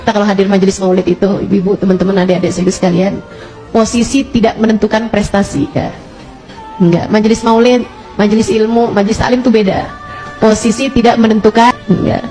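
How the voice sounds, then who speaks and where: A woman's voice: medium pitch, level tone, fast talker, dark tone, soft background music, rough recording. A woman preacher, telling a story in a sermon and acting out the quoted dialogue. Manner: retells a story with quoted dialogue, addresses listeners directly.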